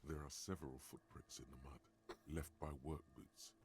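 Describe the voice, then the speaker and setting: A game narrator with an extremely low, gravelly voice. He talks in a dry, sardonic way, as the detective's blunt inner voice mocking him. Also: fairly even intonation, normal speed, a little mellow, a little hiss or hum.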